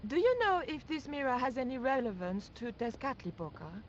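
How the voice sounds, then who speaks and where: A woman's voice: high-pitched, sing-song, brisk, a little hiss or hum. A woman voicing a determined young female investigator who asks direct questions in a video game. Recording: dull game audio with faint music.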